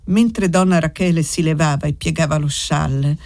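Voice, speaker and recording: Steady literary audiobook narrator. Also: medium pitch, moderate pace, no room sound.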